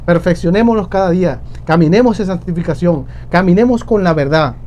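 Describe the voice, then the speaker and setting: A man's voice: high-pitched, brisk, darkish tone, highs cut off, a little hiss or hum. A man preaching a sermon, addressing the congregation as brothers and repeating key phrases for emphasis. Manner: preaching with repetition, addressing "hermanos".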